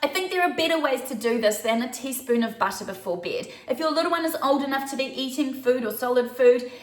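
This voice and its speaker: Chatty high-voiced New Zealand woman. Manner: chatty and conversational, with light laughs. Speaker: baby sleep consultant. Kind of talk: casual advice talk to camera. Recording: roomy echo.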